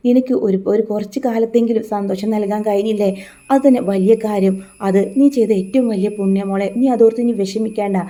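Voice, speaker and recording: A woman's voice: medium pitch, dark tone, close to an everyday voice. A woman voicing a devoted young woman who earnestly reassures the girl she treats as her sister.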